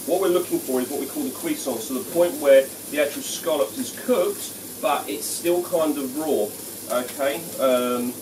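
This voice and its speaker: A man, a head chef walking through a dish at his own relaxed pace, full of "um" and "okay". He's caught on a camera mic from a short distance in a big echoing restaurant kitchen. Frying pans and kitchen bustle sound loudly behind him. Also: on the high side. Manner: relaxed, explanatory, frequent "um" and "okay". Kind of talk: cooking demonstration. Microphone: camera mic from a few feet away. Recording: echoey kitchen, distant mic, loud kitchen noise. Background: sizzling pans and kitchen clatter.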